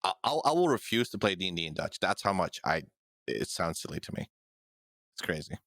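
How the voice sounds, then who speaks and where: A podcast co-host with a deep, low voice chats casually, swearing, joking, and laughing often. His delivery is sing-song, brisk, and a bit bright, captured close and dry with no room echo.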